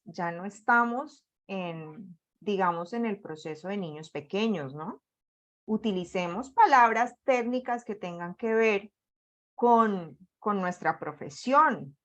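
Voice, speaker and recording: A Colombian woman with a Colombian accent leading an online workshop on job interviews, speaking with lively, deliberately varied intonation. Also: mid-range voice. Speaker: workshop facilitator.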